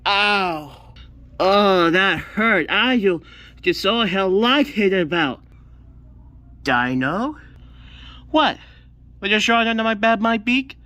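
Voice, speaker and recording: A man voicing toys in a playful, improvised scene, excitable and stammering, jumping between high yelps and lower grumbles. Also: takes it slowly, long pauses, no room sound. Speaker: hobby video maker voicing toy figures. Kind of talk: playful improvised toy voice play.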